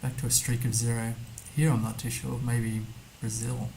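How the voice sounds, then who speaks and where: A man's voice: medium pitch, flat delivery, normal speed, vocal fry, dark tone, slight background noise, rough recording. A man streaming a map game, thinking aloud casually as he mutters guesses and reads numbers to himself. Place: indoor streaming setup.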